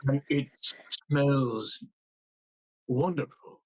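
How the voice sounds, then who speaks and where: A man playing an earnest, cautious adventurer in a tabletop game, speaking formally and haltingly. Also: medium pitch, breathy edge, rough recording. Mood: polite.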